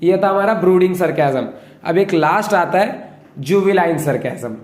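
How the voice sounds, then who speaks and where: A man's voice: sits high, normal speed, darkish tone. A young man hosting a casual talk, explaining things and constantly checking in with his listeners. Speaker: host explaining a topic. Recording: echoey room.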